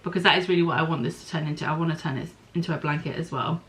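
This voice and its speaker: A woman's voice: low-pitched, fairly even intonation, very fast, a bit bright, poor audio. A middle-aged woman hosting a podcast, chatting casually about her knitting and spinning, thinking aloud and stopping to apologise for small slips. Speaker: podcast host.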